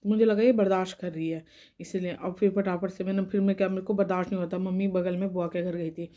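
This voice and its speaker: A woman's voice: fairly low pitch, fairly even intonation, quick pace, mellow, lo-fi sound. A young woman tells a rambling personal story to camera, her tongue and lips sore so she talks carefully around the pain. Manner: rambling, restarting sentences, talking carefully around mouth pain. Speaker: vlogger.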